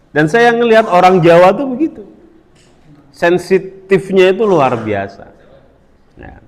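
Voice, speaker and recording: A man with a Javanese accent giving a religious study talk, telling a story with quotes and asking the audience questions. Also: a little high. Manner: storytelling, switching between Indonesian and Javanese, quoting Arabic. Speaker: preacher. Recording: long hall reverb.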